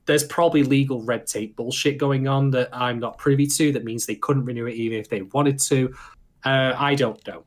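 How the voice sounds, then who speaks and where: A man from the UK co-hosting a casual podcast chat, sarcastic and quick to swear. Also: mid-range voice, fairly even intonation. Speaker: podcast co-host.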